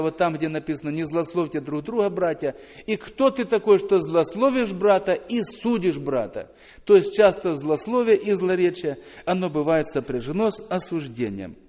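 A man preaching a sermon to his congregation, swinging between loud emphatic appeals and low, quiet scripture reading. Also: lively intonation, normal speed. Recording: long hall reverb.

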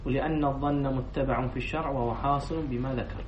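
A sheikh teaches his class by reading lines from a text, explaining them, and repeating students' answers after quizzing them. His mid-range voice has a darkish tone and fairly even intonation at a quick pace, recorded by a distant, dull mic in an echoey room with faint noise.

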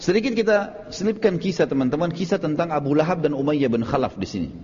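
A man preaching a religious lecture, telling a story in an animated way and speaking directly to his listeners. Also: a little high, fast talker, a little hiss or hum. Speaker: Islamic preacher. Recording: dull, echoey hall recording.

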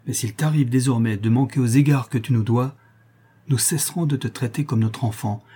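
A man's voice: mid-range voice, moderate pace, dark tone, breathy edge, natural voice. A man reading a storybook, voicing a stern old professor uncle who speaks in a commanding tone.

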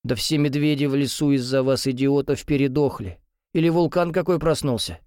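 A grumpy old grandfather with a creaky voice, acted out by a male storyteller. He grumbles with mock-tragic drama, pitched well above the reader's own voice. The sound is dry and close. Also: fairly quick, darkish tone, no room sound, close to an everyday voice.

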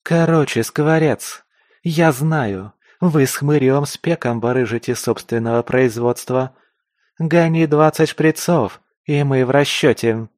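A man's voice: medium pitch, takes it slowly, darkish tone, dry recording, clean studio sound, voice pushed up, lightly acted. A man voicing a fierce, crude female mutant fighter who snarls threats in street slang. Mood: scheming.

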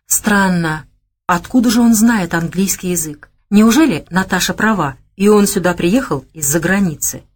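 Female audiobook narrator, measured and calm, lower register. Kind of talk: scripted narration.

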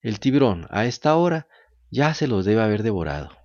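A man voicing a wise talking cricket who gives calm, moralizing lessons in a storybook reading. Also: on the low side, a little fast, dry recording, muffled recording. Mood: lecturing.

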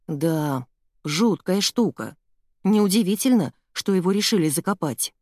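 A woman's voice: on the low side, expressive, unhurried, darkish tone, no echo, studio quality. A woman reading an audiobook, voicing a young boy who talks in a sheepish mumble. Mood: uneasy.

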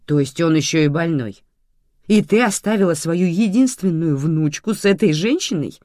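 A woman voicing an angry, bedridden adult daughter in an audiobook, shrill and indignant. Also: big pitch swings, moderate pace, a little mellow, no echo, clean studio sound. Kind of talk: audiobook reading.

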